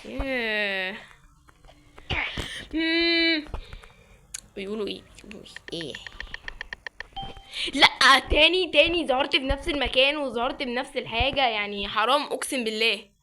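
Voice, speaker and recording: A young woman with an Egyptian Arabic accent giving casual, excitable commentary while playing a game with friends. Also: high-pitched, normal speed, long pauses, a little hiss or hum. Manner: excitable, exclaiming and reacting loudly. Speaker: gaming channel host.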